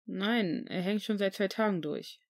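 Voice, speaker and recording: A woman's voice: medium pitch, measured pace. Caring teen boy wizard, earnest and plain; woman reader's own voice.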